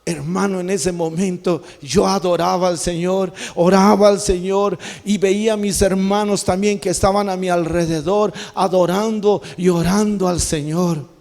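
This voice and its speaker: A man's voice: high-pitched, a little mellow, big-room sound. A man pastor giving an emotional sermon testimony, breaking into pleading prayers.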